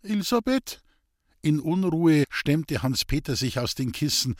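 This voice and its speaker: A man narrating a classic novel in an expressive, scripted reading style. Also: fairly high pitch, measured pace, dry recording, clean studio sound. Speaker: audiobook narrator.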